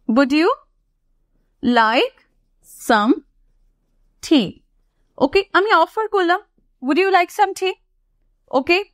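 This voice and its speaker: High-voiced woman teaching English. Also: dry recording, studio quality. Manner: slows down to spell out English example sentences; asks the class questions, then answers them. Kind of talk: classroom explanation.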